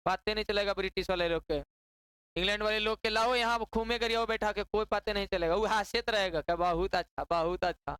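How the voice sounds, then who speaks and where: A woman's voice: mid-range voice, a little fast, a bit bright, clear, resonant tone, no echo, rough recording. A woman teaching a class, repeating key words and quizzing her students with constant questions. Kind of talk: classroom lecture.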